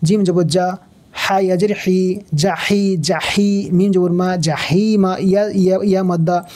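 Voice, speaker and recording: A man teaching Quran reading in a Bangladeshi Bengali accent, spelling out letters and vowel marks slowly and then chanting the verses. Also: high voice, steady tone, darkish tone. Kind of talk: Quran recitation lesson.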